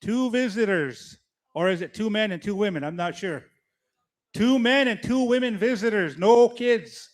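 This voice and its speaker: A man's voice: sits high, lively intonation, moderate pace. A man emceeing a powwow, making informal announcements and repeating key phrases.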